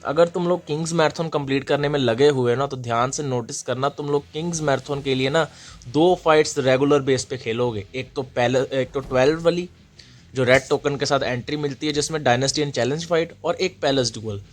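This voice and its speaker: A man's voice: medium pitch, fairly quick. A young man giving a casual game walkthrough as host, mixing Hindi and English, repeating the steps and often checking in with his listeners. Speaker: gaming guide host.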